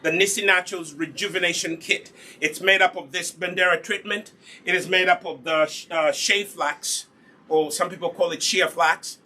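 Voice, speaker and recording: A Ugandan man with a Ugandan accent hosts a casual live hair care demonstration as a natural hair product seller, teaching and repeating key points. His high voice is steady and sharp in tone at normal speed, with slight background noise.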